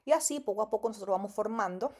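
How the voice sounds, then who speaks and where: A woman teaching Italian grammar to beginners, patient and drawn-out, with many filler sounds. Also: mid-range voice.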